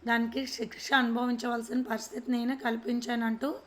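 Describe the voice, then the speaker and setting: A woman voicing a remorseful husband who blames himself, in a flat, fairly high voice. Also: moderate pace, close to an everyday voice. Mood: regretful. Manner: regretful.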